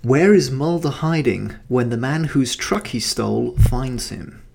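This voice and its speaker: A man's voice: medium pitch, measured pace, gravelly, slight background noise. A man hosting a podcast, running a quiz and chatting casually with fillers. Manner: relaxed, chatty, with frequent fillers. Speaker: podcast host.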